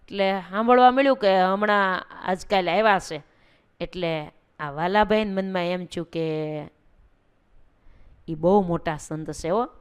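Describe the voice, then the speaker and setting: A woman narrating a devotional story in a lively, conversational way. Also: on the low side, unhurried, long pauses, clear, resonant tone. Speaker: religious storyteller.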